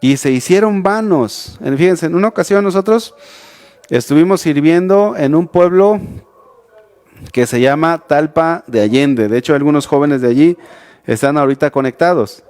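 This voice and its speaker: A youth pastor with a Mexican Spanish accent preaches a youth sermon in a church, streamed online, speaking casually with frequent restarts and rhetorical questions. His voice is a little high and slightly mellow, clean in tone, at a normal pace.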